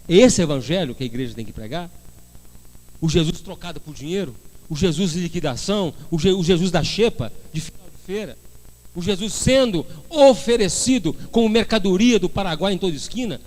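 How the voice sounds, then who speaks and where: A man's voice: sits high, lively intonation, a little fast, darkish tone. A male pastor preaching a sermon, firing rhetorical questions and rising into fervent bursts.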